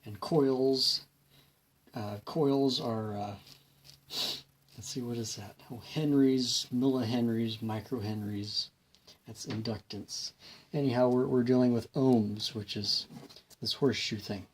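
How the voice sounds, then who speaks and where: Slow and steady, a man with a mid-range voice leads a hands-on electronics repair tutorial for his hobby series. He keeps it informal and folksy, reasoning aloud as he goes through each step, while distinct background noise runs through the homemade video.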